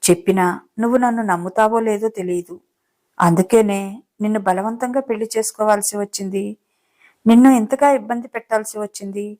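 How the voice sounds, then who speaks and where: A woman's voice: medium pitch, fairly even intonation, brisk, a little mellow, lightly acted. A woman voicing a rich young man in a romance audiobook, speaking with affectionate, playful coaxing. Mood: tender. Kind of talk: audiobook character reading.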